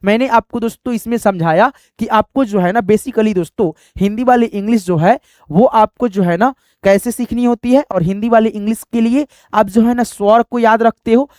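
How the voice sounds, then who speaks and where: A man's voice: high voice, a little mellow, dry recording, clean studio sound. A man teaching a spoken lesson, patiently spelling out letters one by one.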